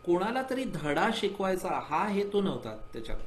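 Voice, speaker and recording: A man's voice: high-pitched, very animated, normal speed, reverberant, slight background noise. A man, a composer, telling the story behind his work in a radio interview, thoughtful and building to passionate emphasis. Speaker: composer guest. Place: radio studio.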